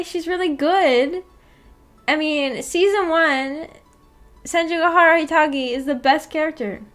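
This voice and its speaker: A woman's fairly bright voice, pitched high, carries this casual livestream as she reads and answers her viewers' chat. She giggles, uses slang, and teases them in a playful way.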